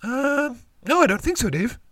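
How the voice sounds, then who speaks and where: A man voicing an excitable puppet-like sidekick on a children's show, with a raspy, creaky voice. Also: extremely high pitch, moderate pace, no room sound, clean studio sound, full character voice. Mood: eager.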